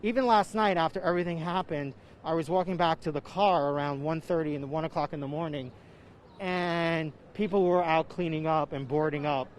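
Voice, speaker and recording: A man reporting live from the street, conversationally and haltingly answering viewer questions, slightly muffled by a face mask and breathing heavily. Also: on the high side, steady tone. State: breathing heavily in warm, humid air. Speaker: field news reporter. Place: outdoors on a city street during a march. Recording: outdoor street noise with traffic.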